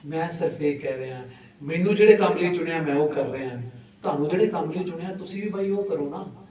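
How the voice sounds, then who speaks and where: A man preaching a sermon, who keeps calling on the congregation to respond aloud, moving between hushed and loud delivery. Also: a little high, fairly quick. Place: church hall. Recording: echoey church hall, mic set far off, with the congregation heard.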